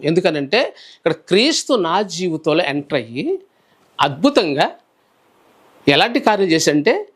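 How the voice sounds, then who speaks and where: In an interview, a preacher with a high voice shares his personal testimony, speaking in a calm, soft-spoken way.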